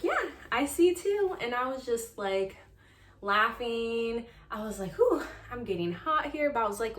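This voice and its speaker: A woman's voice: medium pitch, a bit bright. Chatty young woman in an echoey room. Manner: chatty, heavy use of "like" and "um". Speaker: vlogger. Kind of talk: casual storytelling to camera.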